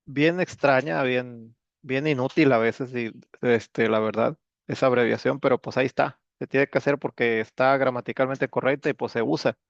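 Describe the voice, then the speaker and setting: A man explains English grammar in a relaxed, joking way, full of fillers. His voice sits at a middle pitch. The recording is dry and a little dull, like a lo-fi setup. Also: moderate pace, creaky, no room sound. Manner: casual, joking, with many fillers. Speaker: English teacher.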